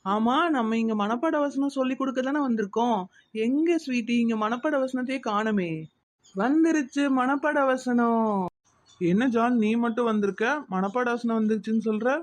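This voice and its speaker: A young woman acting as teacher in a children's Bible-school skit, lively and coaxing as she speaks to the kids. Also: a little high, moderate pace. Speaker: church children's program teacher.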